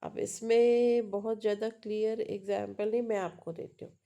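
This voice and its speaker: A woman's voice: medium pitch, flat delivery, normal speed, dark tone. A woman English teacher giving a phonology lecture, mixing Hindi and English, repeating example words and often checking in with her students.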